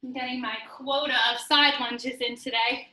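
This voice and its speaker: A young fitness instructor leads a guided workout, doing the moves herself while steadily counting down each set and cueing form. Her very bright, high voice comes at a normal speed, and she sounds far from the mic in a roomy space.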